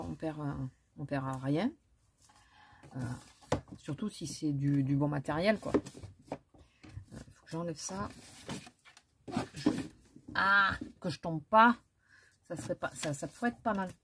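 A woman's voice: sits low, unhurried, long pauses, background noise. A woman, chatting casually through a makeup haul with many fillers and restarts. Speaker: beauty vlogger. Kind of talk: casual haul chat with swatches.

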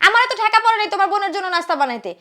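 A woman playing a shrill, spiteful young wife. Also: very animated, very fast, full character voice. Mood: scornful. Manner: scolding, loud and contemptuous. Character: spiteful young wife who resents her sister-in-law. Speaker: sharp-tongued wife. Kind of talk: short film acting.

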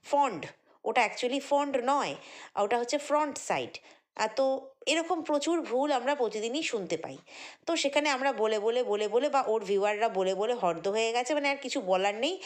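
Casting note: woman, high voice, indignant chatty commentary vlogger. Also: normal speed. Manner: chatty, indignant, many fillers and repeats. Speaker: vlogger commenting on other creators. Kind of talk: casual commentary monologue.

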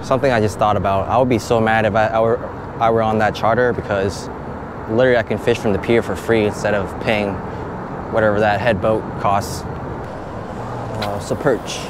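The voice is on the low side, steady, and at normal speed: a young man chatting cheerfully in a casual vlog while he fishes from an outdoor pier. A head-mounted action camera records him, with clear noise in the outdoor audio.

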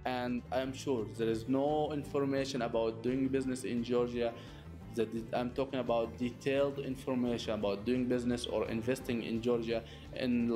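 An earnest man with a mid-range voice, whose first language is Arabic, presents a business masterclass to camera. He hosts a business channel, sits facing the camera in a medium shot in a small office with lamps and chairs, and repeats phrases with some non-native grammar slips.

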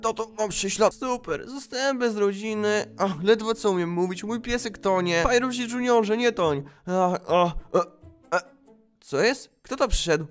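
Guy with a high voice yelling and reacting fast in a roleplay game, little music under it. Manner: excited, exclamatory, quick reactions. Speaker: gamer playing a child character. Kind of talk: game role-play with voice chat.

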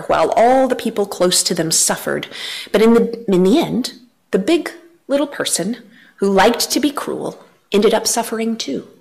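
Her voice is mid-range and gravelly as she delivers an earnest church talk from a lectern. The woman, in her thirties, wears a headset mic, gestures animatedly, and shifts her emphasis as she goes.

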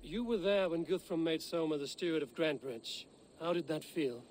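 A Viking warrior, as a man plays him, questions his allies in a direct, probing way. His voice sits a bit high for a man. A faint hiss sits under the game dialogue. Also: moderate pace, a little mellow, close to an everyday voice. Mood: curious. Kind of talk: video game voice acting.

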